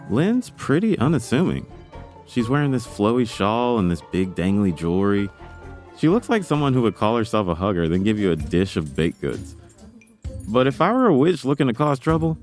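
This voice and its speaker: A man from North Carolina hosting a narrated documentary podcast, telling it with wry, self-deprecating humor. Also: fairly low pitch. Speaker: podcast host.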